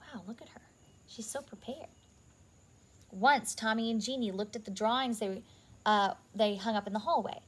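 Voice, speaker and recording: Slightly high and a bit rough, her voice reads a picture book to little ones with expressive, deliberate delivery and occasional asides to them.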